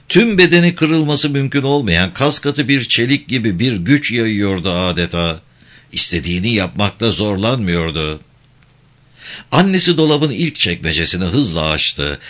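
A man reading a novel aloud as scripted narration, with expressive, measured storytelling. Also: lowish voice. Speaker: audiobook narrator.

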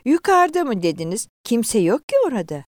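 A woman doing a rude shouting bus conductor. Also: a little high, big pitch swings, normal speed, no echo, clean studio sound, pitched above the performer's own voice. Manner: gruff, mocking, shouting. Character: rude mocking male omnibus conductor, middle-aged.

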